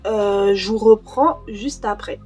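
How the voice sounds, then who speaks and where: A young adult YouTuber, born in Cameroon and raised in France, chats casually in a home vlog while doing her nails, full of hesitations, fillers and restarts. Her mid-range voice is husky and darkish, her pace slow. She speaks into a desk mic with faint music behind her.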